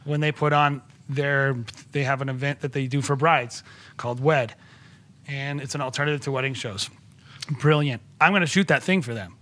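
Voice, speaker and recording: A man's voice: mid-range voice, normal speed, a bit bright. A man guesting on a podcast, talking shop enthusiastically in a rambling way with many restarts. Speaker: podcast guest, wedding filmmaker. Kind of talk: casual podcast conversation.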